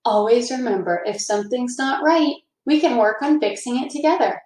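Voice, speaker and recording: Gentle old grandfather for a picture book, played by a woman, reassuring and high-voiced, echoey room. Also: moderate pace, close to an everyday voice. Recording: roomy, echoing indoor sound.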